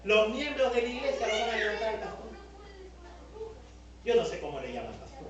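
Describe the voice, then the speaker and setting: A man with a Peruvian Spanish accent preaching a lively sermon as pastor, acting out the voices he quotes. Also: high-pitched. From Peru. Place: large church hall. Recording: echoey hall, mic at a distance.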